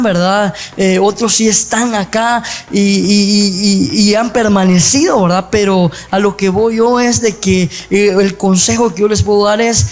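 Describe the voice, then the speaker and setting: A young man giving an earnest testimony and advice on a church program, dropping filler words and asking for agreement after nearly every phrase. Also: high-pitched. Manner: earnest, full of fillers, keeps adding "¿verdad?".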